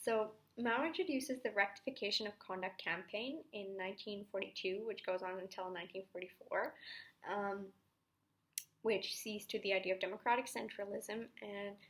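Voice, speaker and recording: Young woman casually going over history notes, chatty and jokey, mid pitched. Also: fairly even intonation, moderate pace, fairly bright tone. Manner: chatty, self-mocking asides, whispers now and then. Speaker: student revising history. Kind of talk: casual study-video explanation.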